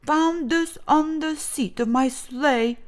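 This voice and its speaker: A woman voicing a jolly, commanding old male Santa in a storybook, with grand, loud delivery. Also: high voice, slow, pitched above the performer's own voice. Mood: kindly.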